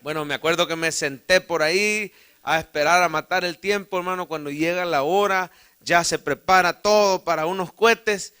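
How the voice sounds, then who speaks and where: In the sanctuary, a pastor with a Salvadoran Spanish accent tells his congregation a humorous, folksy personal tale and calls them brother. His voice sits high and sounds sharp, clear and resonant, moving at normal speed.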